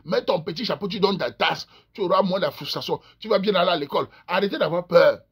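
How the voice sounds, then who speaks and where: A man's voice: sits high, fast, slightly rough. A man from Cameroon, giving theatrical advice in a vlog. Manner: theatrical, lively, jumps into acted voices. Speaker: advice vlogger. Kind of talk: animated advice monologue.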